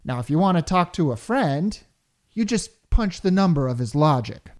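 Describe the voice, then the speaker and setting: In a radio play, a performer voices Caldwell, a brash, exasperated salesman of the wisecracking working-class sort who talks in slangy sales patter. The voice is natural and mid-range, sing-song, at a normal speed.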